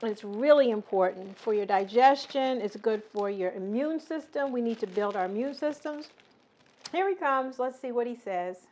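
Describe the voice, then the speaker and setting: Middle-aged lady doing a cooking demo, chatty and a bit teasing, highish voice. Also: animated, normal speed, a little mellow, slight background noise. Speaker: cooking show host. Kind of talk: casual cooking demonstration.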